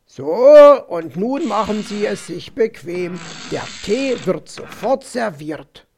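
A man's voice: high voice, very animated, takes it slowly, creaky, a little hiss or hum, exaggerated voice. A man voicing a smug, overly solicitous male fox who talks in a soothing, patronizing way. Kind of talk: audiobook character voice.

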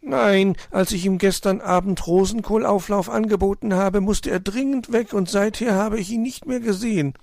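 A man's voice: steady tone, gravelly, a little mellow, no echo, clean studio sound. A man doing a snuffling motherly hedgehog lady. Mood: brisk. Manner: high, brisk, snuffling "nuff nuff". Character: motherly female hedgehog, brisk and helpful.

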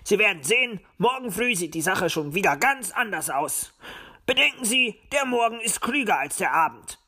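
A man's voice: sits high, big pitch swings, normal speed, sharp tone, full character voice. A man voicing a grumpy, grumbling male fox in a storybook audiobook. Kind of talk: audiobook character voice.

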